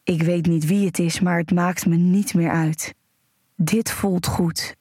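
A woman narrating a first-person erotic audio story in a slow, breathy, sensual way, with soft moans between sentences. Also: lowish voice, steady tone, no room sound, studio quality.

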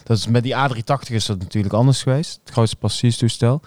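A man co-hosting a podcast, calmly explaining technical points in casual talk. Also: medium pitch, fast, dry recording. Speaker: podcast co-host. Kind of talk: casual chat.

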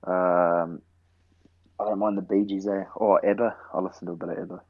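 A man's voice: deep voice, little pitch movement, moderate pace, narrow, tinny audio. A young man with a broad New Zealand accent, answering interview questions casually in short, slangy phrases. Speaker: interview guest, rugby player. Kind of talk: casual chat.

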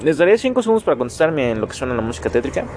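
A nineteen-year-old man with a Mexican Spanish accent rambles through a casual solo podcast, joking at his own expense and cursing freely. His voice sits at an ordinary middle pitch for a man, and a faint hiss of noise hangs behind him. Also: big pitch swings, rapid-fire. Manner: rambling, self-mocking, swears freely, talks to listeners directly. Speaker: podcast host.

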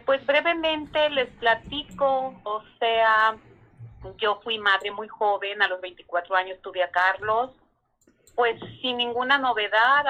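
Caller: woman in her sixties heard over a dull phone line; bright, slow, halting delivery. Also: medium pitch. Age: 60s. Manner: halting, searching for words, often restarting. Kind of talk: telling a personal story on a live call-in.

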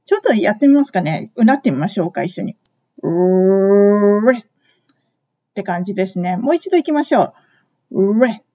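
A woman teaching English phrases in a podcast lesson, explaining them slowly and modeling each one for listeners to repeat. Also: mid-range voice, big pitch swings, dark tone, breathy edge, muffled recording.

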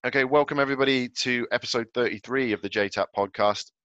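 A man's voice: medium pitch, fast talker, fairly bright tone, clean tone, dry recording, highs cut off, soft background music. A man speaking informally and conversationally as he hosts a casual interview podcast.

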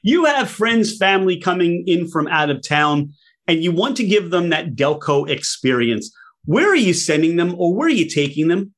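A man's voice: high voice, big pitch swings, normal speed, fairly bright tone. A man hosting a casual interview, asking playful questions in a joking way. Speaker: interview host.

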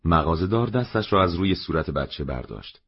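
A man reading a novel aloud as narrator, in a steady, measured way. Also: low-pitched, husky. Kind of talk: audiobook narration. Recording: dull lo-fi recording.

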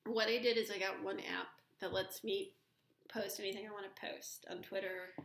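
A woman with a bright, clear tone hosts a podcast in casual chat. She laughs often and trails into restarts. The room is echoey with a faint hiss behind her. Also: medium pitch, steady tone, moderate pace. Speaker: podcast host.

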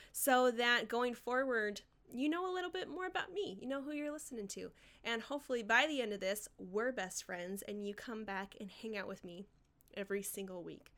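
Her voice on the high side and fairly bright, an American podcast host and marketing coach from Washington state addresses listeners directly on her solo show, sharing personal stories with encouraging enthusiasm.

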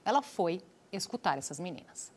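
A woman's voice: fairly low pitch, sing-song, breathy edge. Female host, studio interviewer who poses questions and summarizes. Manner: measured questioning, sums up guests' points.

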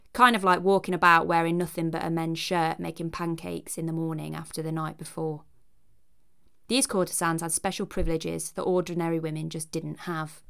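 A woman reads a scripted narration in a low voice. There is a noticeable creak in her tone. Her delivery is wry and cheeky, with conversational asides to the listener. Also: a bit bright.

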